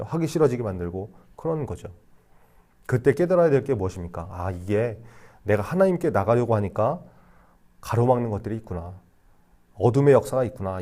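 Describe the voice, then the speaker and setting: Mellow-voiced Korean youth preacher. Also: male voice, on the low side. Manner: conversational preaching with acted-out voices and rhetorical questions. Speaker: youth pastor. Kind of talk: sermon. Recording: re-recorded sermon broadcast.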